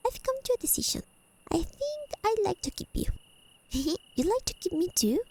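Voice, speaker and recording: In this soft-spoken ASMR roleplay, crickets chirp behind a woman voicing a haughty high-realm fae lady, her high, mellow tone edged with creak. She uses an exaggerated, sing-song delivery at a moderate pace, and her elegant, formal lines come across as teasing, possessive, haughty and pleased.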